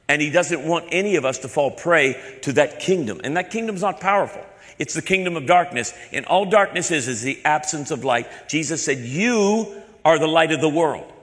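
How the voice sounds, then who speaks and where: A Southern American male pastor with a fairly high, somewhat bright voice preaches a sermon, repeating phrases and building emphasis. The recording comes from an echoey hall with a long reverb.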